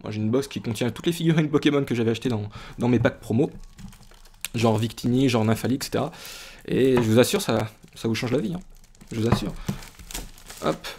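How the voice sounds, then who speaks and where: Young man, from France, casual chat, mid-range pitch, rambling, lots of fillers and restarts. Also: fairly quick, creaky, long pauses, a little mellow, a little hiss or hum. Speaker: YouTuber opening card boxes.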